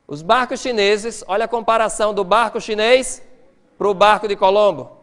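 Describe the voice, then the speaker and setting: A middle-aged man gives a lecture-style sermon with animation, moving between quiet explanation and loud excitement. His voice is high-pitched and his pace moderate.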